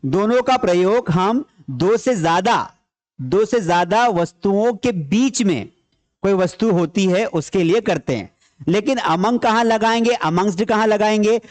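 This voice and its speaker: A man's voice: high-pitched, expressive, a little slow, a little mellow. A man teaching a grammar class, repeating key points and asking questions he answers himself. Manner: repeats key points, explains in Hindi mixed with English terms. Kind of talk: classroom lecture.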